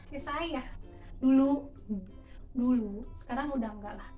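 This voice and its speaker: A woman's voice: high-pitched, dark tone. A woman hosting a casual advice talk for wives, chatty and often checking in with her listeners. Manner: chatty, keeps tagging "ya kan?". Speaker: host giving marriage advice to wives. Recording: roomy, a bit far from the mic.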